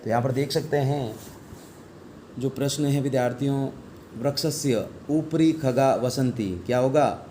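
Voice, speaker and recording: A man's voice: mid-range voice, dark tone, a little hiss or hum. A male teacher giving an online class lesson, reading Sanskrit text aloud and explaining it in Hindi, asking the class questions and answering them himself.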